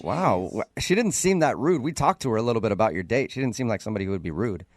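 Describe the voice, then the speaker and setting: Male radio host, quick pace, probing and bantering. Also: on the low side, lively intonation, no room sound.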